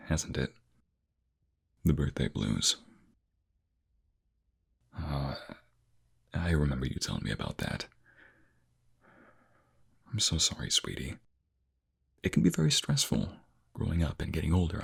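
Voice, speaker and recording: A man playing a tender, reassuring boyfriend in a soft, gentle, soothing ASMR ASMR role-play, with a low, breathy, gravelly voice. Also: sing-song, a little slow, pauses often, full character voice. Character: tender, reassuring boyfriend comforting his crying partner.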